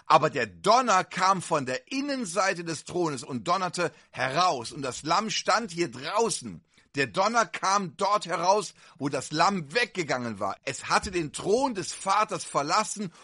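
Husky guy preaching hard, bright sharp voice, gets loud all of a sudden. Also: sits high. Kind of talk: sermon.

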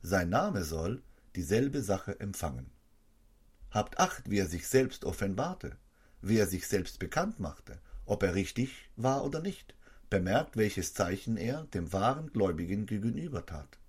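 A man preaching a sermon in a low, husky voice. His pitch swings widely, leaping up in bursts of emphasis before dropping back down. The delivery is fervent and insistent. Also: very animated, measured pace. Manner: emphatic, with sudden rises in pitch and loudness.

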